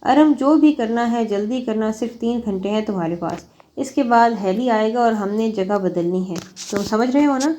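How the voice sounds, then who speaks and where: A woman's voice: a little high, dark tone, lightly acted. A woman doing a cold, commanding older man. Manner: curt, commanding. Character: scheming older man, a commanding, predatory father.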